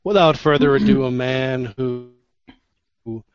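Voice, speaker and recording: A man's voice: medium pitch, steady tone, a little slow, clear, resonant tone. A man hosting an online show, talking hesitantly with fillers and restarts while his voice breaks up over a bad internet connection. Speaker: podcast host. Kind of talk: casual online show talk. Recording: dull, dry online call audio.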